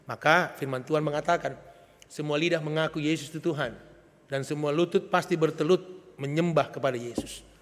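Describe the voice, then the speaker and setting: A male pastor preaching a lively, joking sermon with an Indonesian accent, swelling into loud emphatic bursts. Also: a little high, brisk. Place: church sanctuary. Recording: long church reverb.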